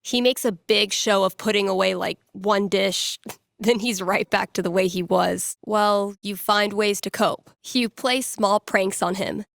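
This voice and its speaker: In a video game role, a woman voices a wry young radio DJ and playful fortune-teller, telling stories in a casual, teasing second-person style. Her gravelly, mid-range voice is steady and unhurried, recorded in a clean studio with no echo.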